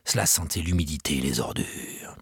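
A man reading a children's storybook aloud with expressive, lively storytelling. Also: a bass voice, normal speed, husky, no room sound, clean studio sound. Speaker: narrator.

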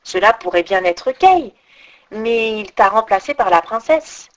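A woman's voice: medium pitch, animated, unhurried, close to an everyday voice. A woman voicing a talkative female crow in a storybook reading, chatty and explaining at length. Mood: confiding. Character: talkative old crow, female, know-it-all.

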